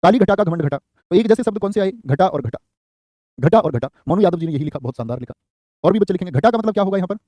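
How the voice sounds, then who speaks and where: A man's voice: sits high, expressive, dark tone, dry recording. A male teacher giving a live online exam-prep class, repeating key phrases for dictation and answering students by name. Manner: quick, repetitive dictation, calls students by name.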